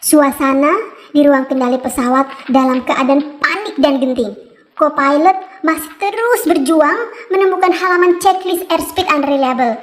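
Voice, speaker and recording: A woman's voice: high-pitched, normal speed. A woman reading scripted documentary narration as the narrator.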